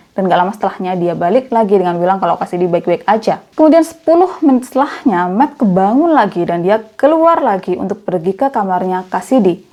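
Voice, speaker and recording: A woman's voice: medium pitch, a little mellow. A young woman narrating a true crime case in a chatty, conversational way, as the channel's storyteller.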